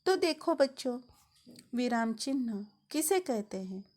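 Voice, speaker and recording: A woman teaches a grammar lesson to young children. She speaks at an unhurried, deliberate pace in a fairly high voice, and she puts strong emphasis on each example sentence she reads. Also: sing-song, a little mellow.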